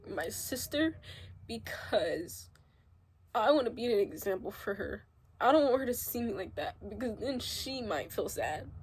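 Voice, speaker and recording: A young woman crying as she speaks a halting, emotional confessional vlog, her voice rising and breaking as she gets upset. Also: on the high side, husky. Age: young adult. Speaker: vlogger.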